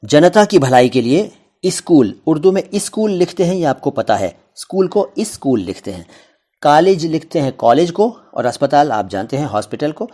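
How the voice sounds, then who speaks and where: A man's voice: fairly high pitch, sing-song, warm tone. Man glossing a chapter word by word. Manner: reads a line, then glosses each word with synonyms; conversational, asks and answers his own questions. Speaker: teacher. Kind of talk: explaining a textbook chapter.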